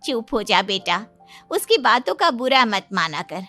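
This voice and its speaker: A woman's voice: mid-range voice, expressive, measured pace, bright, forceful tone, faint music behind. A woman playing a protective middle-aged mother-in-law in a cartoon moral story, soothing someone as if comforting a child.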